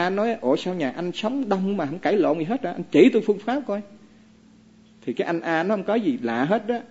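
A man's voice: sits high, darkish tone, dull audio. A man, a Buddhist monk giving a folksy dharma talk full of stories and asking his listeners to agree. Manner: folksy, asks the audience for agreement. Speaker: Buddhist monk teaching lay followers.

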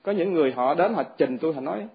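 A man's voice: fairly high pitch, animated, fast talker, vocal fry, muffled recording. A man, a Buddhist monk giving an earnest sermon to fellow monks and asking them rhetorical questions.

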